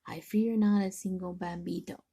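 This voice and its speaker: A woman's voice: lowish voice, fairly even intonation, moderate pace, mellow, slightly rough. A woman voicing a young boy kitten who fancies himself a bold chihuahua sword fighter, boasting in sing-song rhymes. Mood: boastful.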